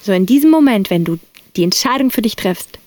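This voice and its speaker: A woman's voice: medium pitch, lively intonation, brisk, a little mellow, dry recording. Woman podcast co-host, mid-range voice, earnest and persuasive, direct address, dry close mic. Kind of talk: casual conversational podcast.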